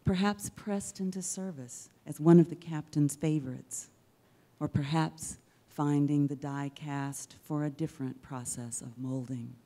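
On a dark theater stage indoors, a middle-aged woman at a poetry event reads her work into a close microphone on a stand. Her low, richly mellow voice moves slowly and deliberately. She gives it the drama of spoken word, leaning on rhetorical weight and careful pauses.

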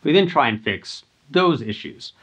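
A man in his thirties, hosting a scripted fitness explainer in an earnest, steady, instructive way, filmed in front of a home climbing wall. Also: on the high side, measured pace, husky. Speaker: host.

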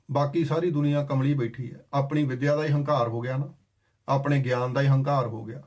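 A man giving a sermon that explains scripture. He chants verses slowly and then explains them in plain, conversational talk. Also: on the high side, darkish tone. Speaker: Sikh scripture preacher.

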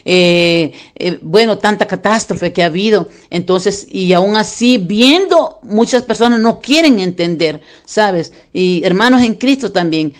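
A man telling a religious dream as testimony, in a rambling, repetitive and earnest way. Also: high-pitched. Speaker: believer recounting a dream.

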